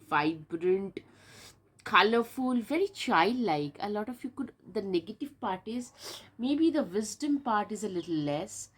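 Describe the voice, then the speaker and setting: A woman with a blocked, stuffy nose talks through a tarot reading in a loose, chatty way. She leans on fillers and says the same words twice. Her voice sits in an ordinary middle pitch. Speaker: tarot reader. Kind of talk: casual tarot reading to camera.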